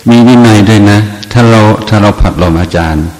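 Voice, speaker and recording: An older man, a Buddhist monk, giving a reflective dharma talk in an unhurried, halting way with frequent restarts. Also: lowish voice, a little mellow, faint music behind. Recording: long hall reverb.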